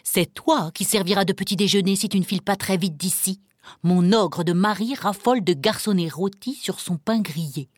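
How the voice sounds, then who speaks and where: A woman's voice: mid-range voice, normal speed, no room sound, clean studio sound, lightly acted. A woman voicing the giant, stern wife of an ogre, brusque and bossy.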